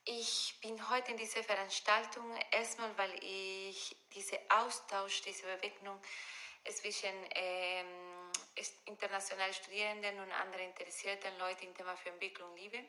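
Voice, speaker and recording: A woman from Ecuador, giving a hesitant personal statement in careful German, with frequent pauses and fillers. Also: mid-range voice, level tone, sharp tone, low-quality recording. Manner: hesitant, many fillers, non-native word order. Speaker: workshop participant.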